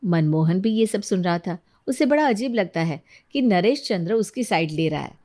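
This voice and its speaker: A woman narrating a moral cartoon story for children in a plain, even manner. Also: mid-range voice, moderate pace.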